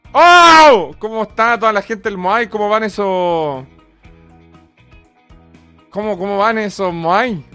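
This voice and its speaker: Reading donations aloud on his live stream, a young Chilean streamer jokes and curses casually with his audience. His voice sits high with a fairly bright tone.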